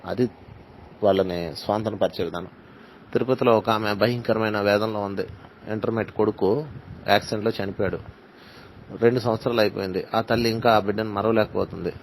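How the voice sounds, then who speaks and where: A man's voice: on the low side, fairly even intonation, brisk, pauses often, a little hiss or hum, poor audio. Man telling a spiritual story. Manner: storytelling, acts out dialogue, mixes in English phrases. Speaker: spiritual teacher. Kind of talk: spiritual talk with personal stories.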